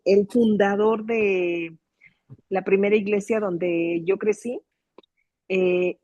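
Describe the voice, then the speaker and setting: A woman in a seminary class answers her pastor slowly and reflectively, pausing often to find her words. Her voice is mellow and a little husky. The sound is dry and close. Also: medium pitch, no room sound. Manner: hesitant, reflective, many fillers. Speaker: seminary student.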